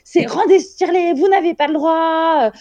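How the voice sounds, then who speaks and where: A woman mimicking a strict, bossy female hospital staffer who scolds and lectures in a shrill voice. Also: moderate pace, dark tone, no room sound, highs cut off. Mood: scolding.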